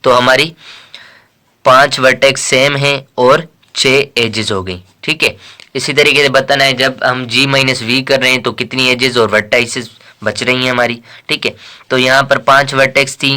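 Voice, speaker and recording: Bright-voiced man teaching math. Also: medium pitch, steady tone, normal speed. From Pakistan. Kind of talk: casual lecture explaining textbook exercises.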